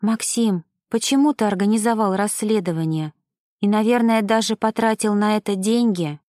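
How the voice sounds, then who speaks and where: A woman reading an audiobook, voicing a fragile, gentle young woman in a soft, vulnerable tone. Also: mid-range voice, moderate pace, no echo, studio quality, close to an everyday voice. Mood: questioning.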